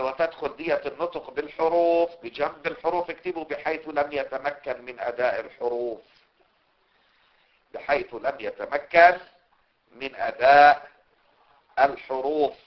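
A man teaching a class on a religious legal text, constantly quizzing his students with fill-in questions and repeating key words. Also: fairly high pitch. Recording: muffled lo-fi recording.

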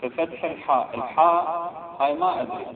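Guy teaching a religious text, slow and repetitive, tinny phone sound, crowd behind. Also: fairly high pitch, wildly swooping pitch, gravelly. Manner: slow, spells out letters and vowels, repeats words. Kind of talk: explaining a jurisprudence text line by line. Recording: tinny phone-like line, echoey room.

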